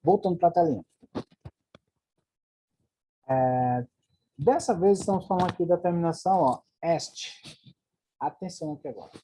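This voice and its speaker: Dark-voiced Brazilian teacher explaining grammar. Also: male voice, a little high, lively intonation, normal speed, pauses often, breathy edge. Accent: Brazilian Portuguese. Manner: explanatory, repetitive, checks in with "né?" and "ó". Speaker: English teacher. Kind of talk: online grammar lesson.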